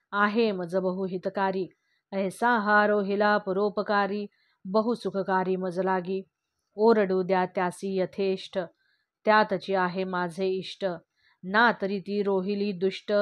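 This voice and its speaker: A woman reading devotional verse aloud in a steady, measured recitation. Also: mid-range voice, no room sound. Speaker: reader of a devotional text. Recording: slightly dull, dry lo-fi recording.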